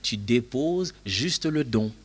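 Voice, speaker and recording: A man preaching a sermon at a church retreat, telling a personal story and shifting between hushed and loud passages. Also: medium pitch, expressive, slow, husky.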